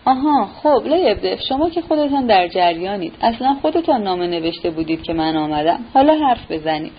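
A woman reading the lines of a gentle, absent-minded young prince who speaks firmly but politely, in a storybook reading on a dull recording. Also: mid-range voice, very animated, a little hiss or hum, natural voice.

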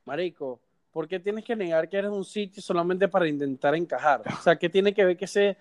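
A man's voice: sits high, brisk. A young Venezuelan man from Ciudad Guayana, ranting with indignation and crude slang in casual chat as podcast co-host.

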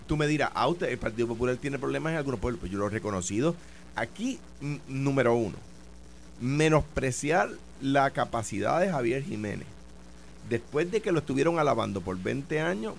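A man's voice: mid-range voice, animated, moderate pace, vocal fry, slight background noise. A man with a Puerto Rican accent in a heated political debate, insistent and repeating his points to press them. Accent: Puerto Rican Spanish. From Puerto Rico. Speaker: political commentator, former governor.

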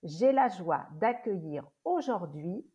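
A woman hosting a podcast interview as a coach, speaking in a measured way with small hesitations. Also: fairly low pitch, lively intonation, mellow, dull audio. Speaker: host and coach. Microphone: remote interview recording.

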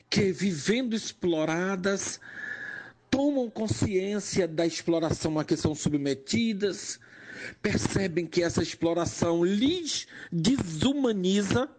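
Older Pernambucan man, nurse-educator; slow, measured testimony with rising emphasis. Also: a little high, darkish tone. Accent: Pernambuco Portuguese. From Brazil, Pernambuco. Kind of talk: personal testimony monologue.

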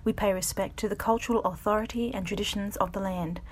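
A woman giving a measured, solemn scripted acknowledgement. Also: mid-range voice, steady tone, a little hiss or hum. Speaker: announcer.

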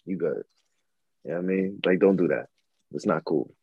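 Husky low-voiced man, laid-back. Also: lively intonation, moderate pace, dry recording, phone-quality sound. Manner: laid-back, musing, slangy. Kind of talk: casual chat.

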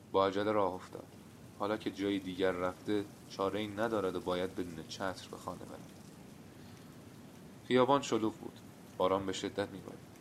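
A man narrating a literary short story in a steady, measured storytelling manner. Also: low-pitched, slight background noise.

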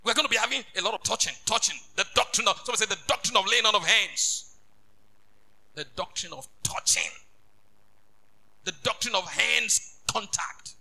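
A man preaching a sermon as a bishop, emphatic and repetitive, rising to shouts. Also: high voice, normal speed, gravelly, low-quality recording.

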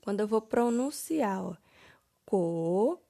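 A woman teacher, slowly correcting first-grade homework step by step, stressing each word. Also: fairly low pitch, vocal fry, darkish tone, no room sound, clean studio sound.

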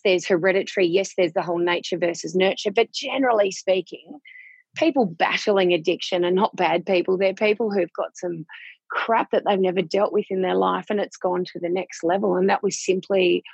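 A frank, chatty Australian woman in her forties speaks in a fairly low, husky voice. The recording is dull and lo-fi, and the sound is very dry. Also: normal speed, no room sound. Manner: frank and chatty, with casual Aussie slang. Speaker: guest. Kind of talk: candid personal interview.

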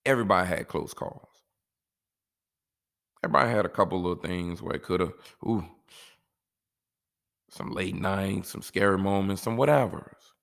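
A man's voice: low voice, normal speed, vocal fry, pauses often, a bit bright. A man talking casually and giving life advice in a laid-back, rambling way, often saying "you know".

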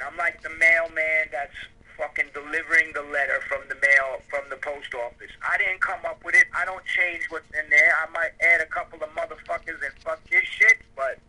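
Profane, bright-voiced man in his fifties. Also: a little high, fairly even intonation, moderate pace, low-quality recording. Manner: profane, emphatic, stammering restarts. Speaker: guest author. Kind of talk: casual podcast conversation.

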